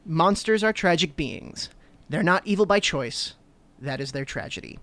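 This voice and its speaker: An expressive, slightly bright male voice on the high side moves at a moderate pace. The speaker, in his thirties and from New Jersey, USA, co-hosts a podcast. His casual chat is eager and rambling, packed with fillers.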